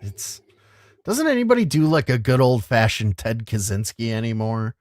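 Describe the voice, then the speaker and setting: An animated man hosts a casual podcast, his pitch leaping up and down as he talks, loud one moment and quiet the next. He swears freely. The sound is dry and close to the mic. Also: normal speed, no room sound. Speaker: podcast host.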